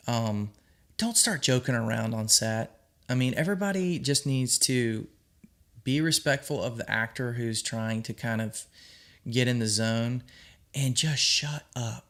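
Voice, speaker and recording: A young man talks straight to his audience about directing, in a loose, unscripted way. He rambles, restarts his sentences and drops in plenty of ums while he offers earnest advice. His voice sits at an ordinary, middle pitch. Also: a bit bright. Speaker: film director. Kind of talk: casual vlog monologue.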